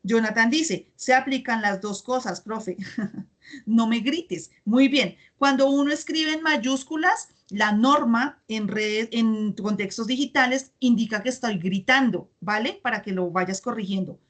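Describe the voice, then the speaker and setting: Teaching a class by video call, a woman reads out what students type in the chat and often checks understanding with brief tag questions. Her voice is a bit bright and sits somewhat higher than most.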